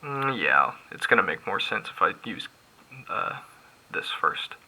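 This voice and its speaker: A man's voice: deep voice, very animated, unhurried, sharp tone, rough recording. A man lecturing on logic, thinking aloud with frequent restarts and fillers. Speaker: math instructor. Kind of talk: recorded lecture at a board.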